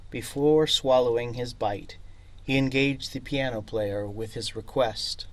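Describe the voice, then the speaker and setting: Slow, deliberate male storyteller. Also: medium pitch. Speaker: author reading his own story. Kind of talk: scripted narration.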